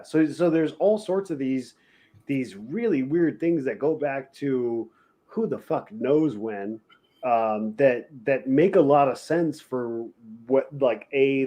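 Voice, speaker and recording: A man's voice: mid-range voice, dark tone. A man co-hosting a casual podcast chat, explaining things in a rambling way with lots of fillers. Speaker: podcast co-host.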